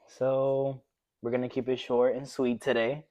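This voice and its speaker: A man's voice: mid-range voice, level tone, unhurried, mellow, dry recording. A man from Mexico co-hosting a casual talk show, rambling and tagging his points with "right?". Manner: rambling, leans on "you know" and tag questions. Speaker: podcast co-host. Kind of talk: casual chat.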